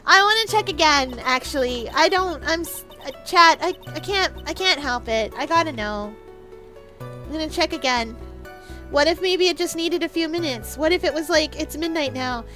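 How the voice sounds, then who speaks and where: A woman chats playfully on a livestream in a very high, bright voice. She is excitable and bouncy, repeating words for emphasis, with faint music behind her. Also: moderate pace.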